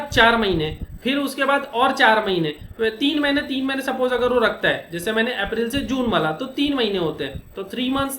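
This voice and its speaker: A man teaching an accounting lesson, walking through each step with questions to his students and slowing down to dictate formulas. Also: very high-pitched. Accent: Indian. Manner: explains step by step with rhetorical questions. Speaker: commerce teacher. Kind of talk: classroom lecture. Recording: echoey room, faint noise.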